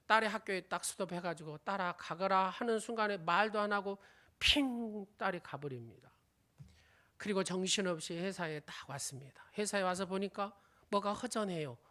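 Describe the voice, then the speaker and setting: A woman preaches in a church sanctuary with a lowish, fairly bright voice. Telling an illustrative story, she poses questions to the congregation, and her sentences often trail off into a whisper.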